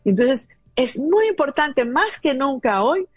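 A woman in her fifties, appearing as a guest, gives conversational advice about parenting, explaining things earnestly with plenty of fillers. Her voice is high and sing-song, her pace slow, and the recording dry.

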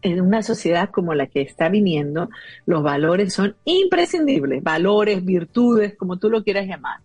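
A woman's voice: fairly low pitch, sing-song, moderate pace, darkish tone, slightly rough, dry recording, faint music behind. A woman in her fifties talking as a guest about parenting, explaining earnestly with many fillers. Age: 50s. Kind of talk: conversational advice talk.

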